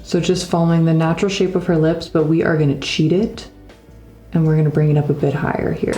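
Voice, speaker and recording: Low-voiced woman giving a makeup tutorial. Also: fast talker, faint music behind. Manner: calm, instructive, playfully teasing. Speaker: makeup artist.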